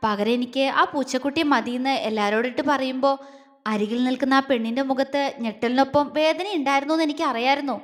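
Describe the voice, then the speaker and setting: Woman playing a gentle affectionate young man, high pitch, reverberant sound, audio romance story. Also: lightly acted. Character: tender young man confessing his love. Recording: long reverb.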